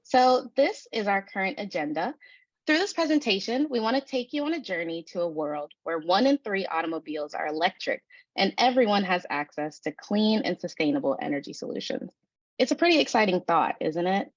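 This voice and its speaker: A woman's voice: medium pitch, expressive, fairly quick, dry recording, lo-fi sound. A young woman giving a rehearsed business presentation as a student consultant.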